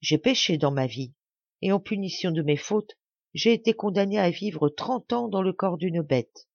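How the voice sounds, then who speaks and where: A woman's voice: lowish voice, animated, moderate pace, creaky, dry recording, dull audio. A woman voicing the sorrowful ghost of a dead mother in a storybook, speaking in a mournful, confiding way.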